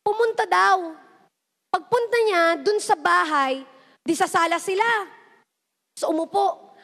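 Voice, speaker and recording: A woman's voice: extremely high pitch, a little slow, gravelly, fairly bright tone. A young woman preaching a youth sermon in a mix of Tagalog and English, retelling stories and voicing the people in them. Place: church hall. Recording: echoey church hall.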